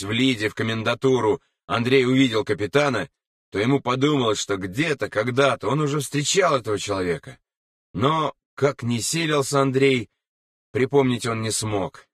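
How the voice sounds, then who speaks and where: A man reading an audiobook in a measured, unhurried way. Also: mid-range voice, a bit bright, no echo, studio quality, distant mic. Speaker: narrator. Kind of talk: audiobook narration.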